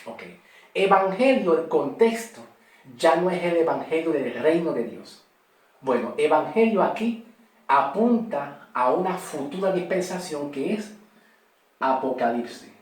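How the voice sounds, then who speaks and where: Tired guy teaching bible study, super slow, keeps saying ok?, echoey room, mic far away. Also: fairly high pitch, animated. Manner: repeats key words and checks in with "ok?".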